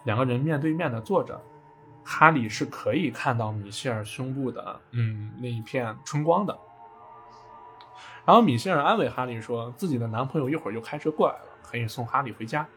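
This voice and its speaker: A man's voice: medium pitch, a bit bright. A man casually retelling a video game story for a podcast, with jokey asides.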